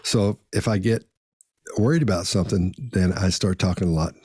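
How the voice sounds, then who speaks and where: A man moderating a casual panel discussion, talking very fast and passing questions to the other panelists. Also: deep voice, darkish tone, breathy edge, no room sound, clean studio sound. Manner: very fast talker.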